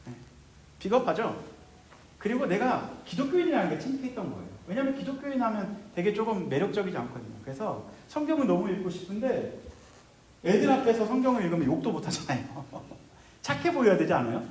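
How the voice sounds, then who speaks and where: A middle-aged man pastor preaching a sermon, animated, acting out quoted voices with big jumps in his voice. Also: high-pitched, brisk, breathy edge.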